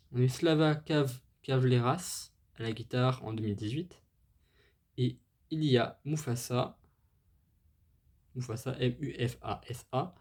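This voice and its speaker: On his music channel, a man with a mid-range, darkish voice casually relates a band's history. He clearly enjoys the music, yet he hesitates, restarts, leans on fillers, and apologizes for stumbling on foreign names.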